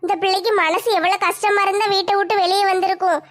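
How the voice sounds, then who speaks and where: A woman doing a low-voiced gossipy village neighbour. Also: fairly even intonation, fast. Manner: hushed, nosy.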